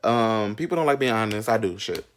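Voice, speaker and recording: With a lowish, fairly bright and smooth voice, this thirty-something man delivers his storytime chat in an animated, brisk way. He recounts a personal story casually and candidly, full of sass, slang and frequent asides.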